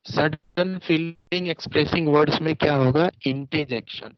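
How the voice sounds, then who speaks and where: A male teacher giving an online grammar class, repeating and drilling terms and asking quick questions. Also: on the high side, no room sound. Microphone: computer mic, online class. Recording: dry, dull lo-fi online audio.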